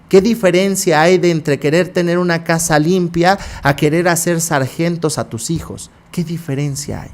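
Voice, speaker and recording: A man's voice: a little high, a little mellow. A man, hosting a psychology podcast and talking passionately, asking rhetorical questions and answering them himself.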